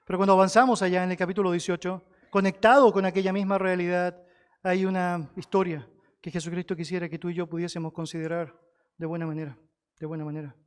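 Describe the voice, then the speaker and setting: A male pastor preaching a sermon. He climbs high and loud to stress a point, then drops soft to repeat key phrases. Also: flat delivery, fast, clean tone. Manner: rises sharply in pitch and volume for emphasis, drops low to repeat key phrases.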